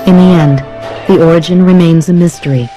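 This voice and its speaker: A nature documentary narrator delivers a scripted voice-over. The pitch sits in the middle, and music plays prominently underneath. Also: steady tone, brisk, muffled recording.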